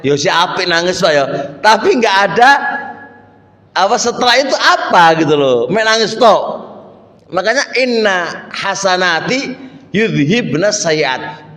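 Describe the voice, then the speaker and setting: A middle-aged man with an East Javanese accent, giving a lively, folksy sermon in a mosque study circle, full of rhetorical questions and Javanese asides. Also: sits high. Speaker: religious teacher. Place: mosque hall. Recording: echoey mosque hall with long reverb.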